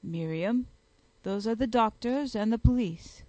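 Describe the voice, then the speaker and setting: A woman's voice: a little high, unhurried, a little mellow, no echo, natural voice. A woman reading a hasty, defensive old father. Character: anxious older male lodging-house father.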